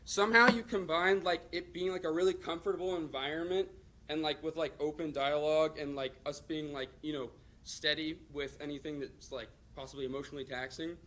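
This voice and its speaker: Young man, late teens, halting speech, fumbling through thanks, high bright voice. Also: steady tone. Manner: halting, filler-heavy, self-conscious. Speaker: theatre student giving a thank-you speech. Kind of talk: unscripted thank-you speech.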